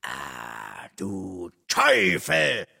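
A man's voice: low voice, wildly swooping pitch, extremely slow, gravelly, bright, forceful tone, breathy edge, heavily acted. A man voicing a furious male army sergeant locked in a room, bellowing curses through the door. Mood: raging.

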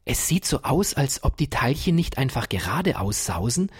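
A man voicing a curious young boy who asks eager, sometimes hesitant questions, his voice raised high and a little husky. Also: sing-song, moderate pace.

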